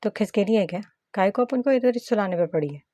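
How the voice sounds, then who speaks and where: A woman's voice: mid-range voice, expressive, fast, mellow, no echo, natural voice. Audiobook: a woman playing a cocky young gangster husband, mocking street slang, dry close sound. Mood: teasing.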